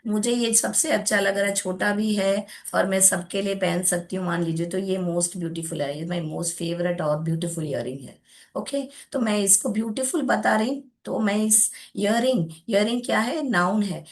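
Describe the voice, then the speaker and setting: A woman's voice: mid-range voice, moderate pace. A young woman teaching a grammar lesson, patiently explaining step by step and calling her pupils child, mixing English words in.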